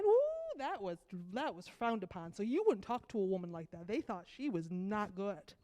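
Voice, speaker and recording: A woman with a cold giving a children's sermon, telling a story to kids with lively asides and questions. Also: medium pitch. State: has a cold. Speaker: children's message leader.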